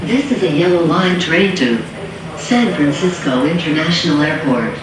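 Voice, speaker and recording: A man's measured, even announcement playing over a train station loudspeaker. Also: on the high side, crowd noise. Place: underground train station platform. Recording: echoey loudspeaker from far off over train noise.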